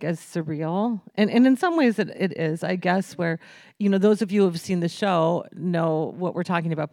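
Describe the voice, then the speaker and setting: A woman's voice: on the low side, gravelly, a little mellow, dry recording, studio quality. Earnest woman author. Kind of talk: conversational interview.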